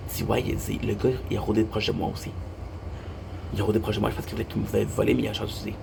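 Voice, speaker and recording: A man's voice: fairly low pitch, level tone, very fast, creaky. A young Québécois man telling a rambling story in a casual monologue, repeating himself and swearing casually. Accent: Québécois French. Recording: noisy background hum.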